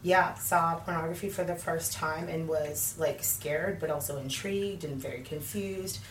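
Here an interviewee, a woman in her thirties, recounts her faith journey candidly, with frequent laughter and lots of fillers as she rambles. Her voice is lowish and steady, her pace moderate; the room echoes, faint ambient noise lingers, and she sounds a little off-mic.

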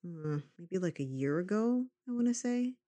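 A woman hosting a podcast in casual chat, telling stories in an animated way, quoting herself and swearing freely. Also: lowish voice, moderate pace, no echo. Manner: animated storytelling with self-quotes, swearing. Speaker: podcast host.

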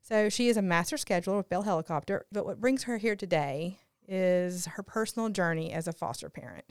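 Chatty podcast host lady, super clear smooth voice, dry close sound. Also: fairly low pitch, brisk, no room sound. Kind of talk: casual podcast chat and introductions.

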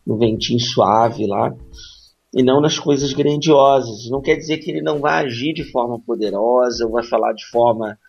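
A man's voice: mid-range voice, moderate pace, vocal fry, husky, muffled recording. A man co-hosting a podcast, talking reflectively about faith and often tagging his points with a questioning "right?". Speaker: podcast co-host. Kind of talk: casual discussion on faith.

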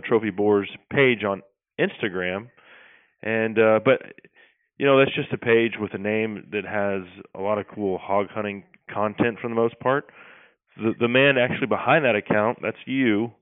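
A man's voice: fairly low pitch, normal speed, smooth, no room sound. A man hosting an interview, asking questions in a friendly way with many fillers. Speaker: radio show host. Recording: tinny phone-like line.

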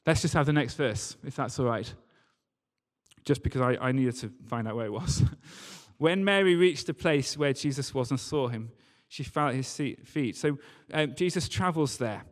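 This clip has the man preaching in a mid-range voice at a moderate pace, reading scripture and explaining it informally. It's a church service in a large reverberant hall with long reverb.

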